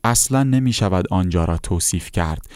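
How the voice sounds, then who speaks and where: A man calmly reading a first-person account aloud as narrator. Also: low voice, no echo, clean studio sound.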